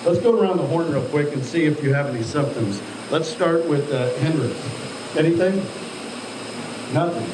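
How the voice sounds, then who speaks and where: An altitude chamber instructor gives live hands-on instruction, directing and quizzing trainees as he checks on them and addressing them as sir. His slightly high voice is animated at normal speed, picked up by a distant mic in an echoey space with loud machinery hum.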